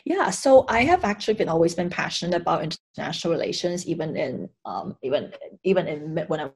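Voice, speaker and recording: A young woman from China, a guest in an interview, talking earnestly and a little hesitantly, with many pauses and restarts. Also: on the low side, lively intonation, husky. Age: young adult. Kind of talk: casual interview.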